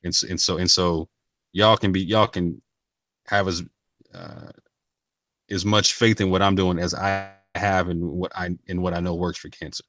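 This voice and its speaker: Low-voiced earnest man vlogging. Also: fairly even intonation, moderate pace, fairly bright tone, no echo. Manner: earnest, slangy, repeats and restarts phrases. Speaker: channel host. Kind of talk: casual talk to camera.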